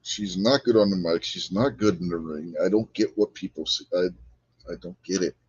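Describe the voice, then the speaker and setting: Husky, lowish male co-host, blunt and dismissive, on a slightly dull, dry recording. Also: moderate pace, darkish tone, no room sound. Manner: blunt, dismissive opinions with frequent laughs. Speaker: podcast co-host. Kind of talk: casual chat.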